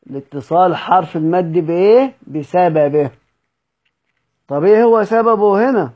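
A Quran recitation teacher with an Egyptian Arabic accent leads a recorded study session in a high, expressive voice at normal speed. He explains points, repeats them and quizzes his students, and the sound is lo-fi.

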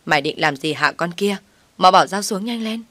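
A woman's voice: a little fast, a bit bright, no echo. A woman voicing a scolding older mother-in-law who nags and shrieks in a raised voice. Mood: panicked. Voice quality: shrill, nagging.

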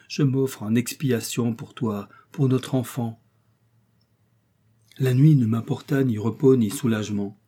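A man narrates a literary novel in a slow, solemn, measured reading. His voice is dark and mellow with a husky edge. The pitch sits in a middle range. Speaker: audiobook reader.

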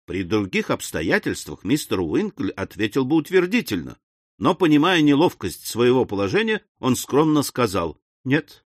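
A man narrating a comic classic audiobook with a lively, expressive reading. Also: medium pitch, normal speed, no echo, clean studio sound.

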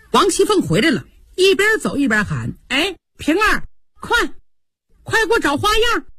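Woman, radio storyteller, husky, breathy, lively, high-ish pitch. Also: no echo, studio quality. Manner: lively, expressive narration with colloquial flourishes.

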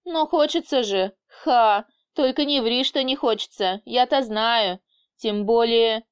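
A woman voicing a calm, mocking male boss who is stuck in a woman's body, with a teasing, unflappable manner. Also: a little high, takes it slowly, clean tone.

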